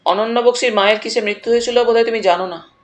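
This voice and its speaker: A woman's voice: a little high, racing, faint music behind, lightly acted. A woman reading the part of a blunt, pushy young male suitor who presses hard with challenging questions. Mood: accusing.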